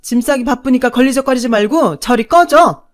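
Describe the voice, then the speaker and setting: A cold, harsh stepmother in a radio story who yells her words out curtly and loudly, as a woman narrator puts her on. The voice rises high and sharp whenever she scolds. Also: very animated, moderate pace, natural voice. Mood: cold, shouting. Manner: shouting, scolding, curt.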